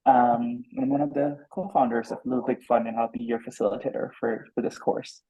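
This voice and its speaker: Gravelly male facilitator. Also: mid-range voice, steady tone, fairly quick, dark tone, low-quality recording. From Nepal. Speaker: course facilitator. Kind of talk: casual video-call hosting. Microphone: video call.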